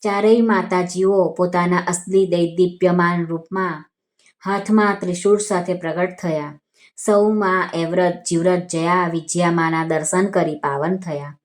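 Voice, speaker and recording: A woman with a Gujarati accent narrating a devotional vrat story in a calm, measured reading voice. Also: on the low side. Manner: calm, measured reading with quoted dialogue lines.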